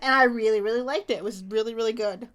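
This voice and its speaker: Young canadian woman on a podcast, chatty, laughs a lot, kinda high voice. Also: fast talker, a bit bright. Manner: chatty, laughs often, many fillers. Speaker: podcast co-host. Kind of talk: casual chat.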